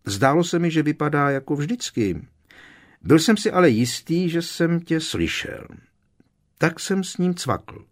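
A man's voice: fairly high pitch, animated, pitched above the performer's own voice, close to an everyday voice. Ron, a man doing an eager teenage wizard. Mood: earnest. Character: teenage boy wizard, defensive and earnest.

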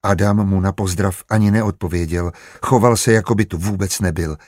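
A man reading a historical novel aloud in an even, measured narration. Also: deep voice, no echo, studio quality. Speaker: audiobook narrator. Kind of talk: scripted narration.

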